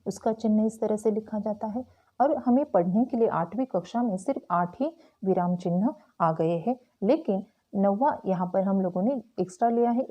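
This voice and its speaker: A woman teacher explaining a Hindi grammar lesson slowly and carefully to school students. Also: mid-range voice, dull audio. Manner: slow, careful explaining with frequent "tो चलो".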